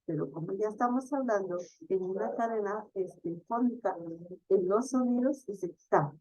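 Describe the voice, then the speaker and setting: A woman teacher giving a classroom lecture, explaining slowly, stretching example words and often asking the class "¿verdad?". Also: medium pitch, darkish tone, dry recording, muffled recording.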